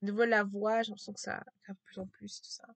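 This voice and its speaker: A woman talking to camera in a casual vlog with a low, strained voice, hesitant and repetitive, full of fillers and restarts. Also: little pitch movement, rapid-fire, fairly bright tone, no echo. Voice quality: low, gravelly voice.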